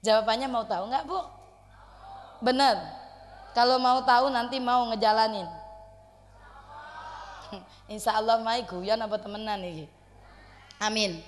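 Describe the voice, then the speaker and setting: A woman preacher with an East Javanese accent from Surabaya, giving an expressive religious lecture to women, telling stories and slipping into Javanese with frequent exclamations. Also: on the high side, a little slow, pauses often, in a large hall. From Surabaya, East Java.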